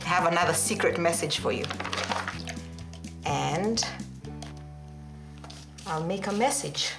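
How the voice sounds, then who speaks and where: A woman's voice: lowish voice, expressive, takes it slowly, echoey room, over music. A woman presenting a craft demonstration to children in a simple, instructive way. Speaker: children's art segment presenter.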